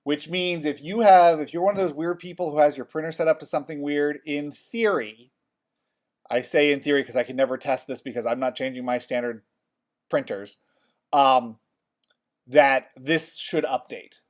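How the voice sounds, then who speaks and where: Chatty male instructor, slightly high voice. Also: normal speed. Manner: chatty, checks in with "okay?" often. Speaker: college theater design instructor. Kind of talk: classroom software lesson.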